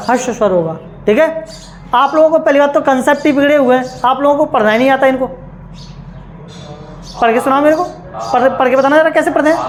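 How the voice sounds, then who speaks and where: High-voiced, emphatic male teacher. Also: a little hiss or hum, low-quality recording. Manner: emphatic, keeps asking "ठीक है?" to check with students; self-assured, insists others taught it wrong. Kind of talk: classroom lecture. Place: classroom with students.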